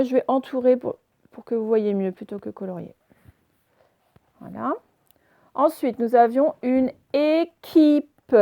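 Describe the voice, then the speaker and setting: A woman teacher recording a reading lesson for young children, stretching words slowly and sounding out each syllable. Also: fairly high pitch, creaky, dark tone, no room sound, studio quality. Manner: slow, careful, stretched-out word pronunciation; pauses the recording to let pupils work. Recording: self-recorded home lesson.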